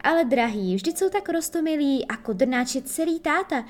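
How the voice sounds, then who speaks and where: A woman's voice: high-pitched, lively intonation, soft background music, voice pushed up. A woman reading a storybook voicing Wendy, a girl playing a sweet, motherly role. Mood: coaxing. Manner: sweet, then icy.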